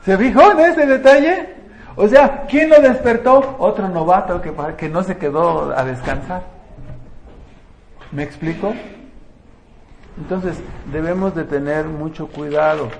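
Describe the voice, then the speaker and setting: Preacher guy, chatty sermon, high voice, echoey church room. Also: unhurried, pauses often, a little hiss or hum. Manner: conversational, asks the congregation rhetorical questions. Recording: echoey room, faint ambience.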